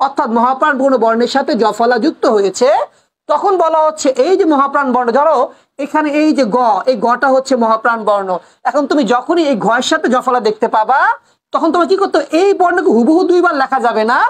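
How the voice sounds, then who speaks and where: A woman teacher giving a pronunciation lesson, asking the students questions and answering them herself while repeating the key points. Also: high-pitched.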